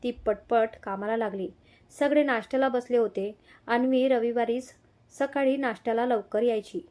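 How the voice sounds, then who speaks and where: Woman storyteller, scripted narration, slightly high pitch, mellow tone. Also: normal speed.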